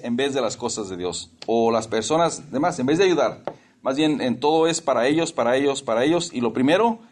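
A man's voice: mid-range voice, a little mellow. A man preaching a sermon in a conversational, lightly humorous way, repeating his points.

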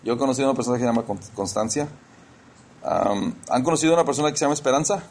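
A man's voice: medium pitch, expressive, rapid-fire, darkish tone, slight background noise. A man preaching a conversational sermon in church, often repeating words as he searches for the next one.

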